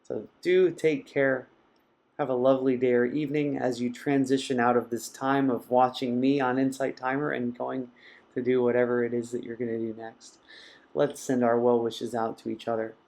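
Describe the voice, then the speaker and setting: A man hosting a live mindfulness session, speaking in a reflective, halting way as he reads out viewers' comments. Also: mid-range voice, level tone, gravelly. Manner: reflective, soft-spoken and halting. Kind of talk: casual live-stream talk reading viewer comments.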